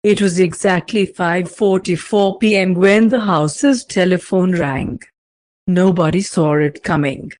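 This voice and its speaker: A woman narrating a fanfiction story aloud in a steady, even storytelling manner. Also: medium pitch, dry recording.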